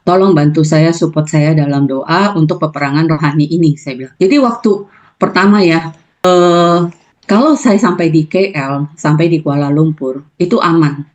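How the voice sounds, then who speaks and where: A woman giving a personal testimony on a video call, telling her story in a lively way and acting out her prayers and conversations. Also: deep voice, normal speed. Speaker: testimony speaker.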